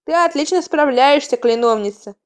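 A woman's voice: sits high, moderate pace, pitched above the performer's own voice, natural voice. Young male cat healer, storybook, caring and soothing, voiced by a woman. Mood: reassuring.

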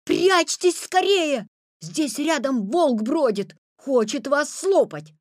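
A woman voicing a bold, bossy young schoolboy in a storybook reading, shouting urgently. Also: a little high, sing-song, unhurried, dry recording, studio quality, exaggerated voice. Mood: alarmed.

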